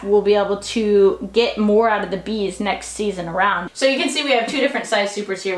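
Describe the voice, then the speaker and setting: A woman's voice: medium pitch, reverberant. A woman vlogger giving a casual, upbeat how-to demonstration, explaining each step. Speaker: homesteading vlogger.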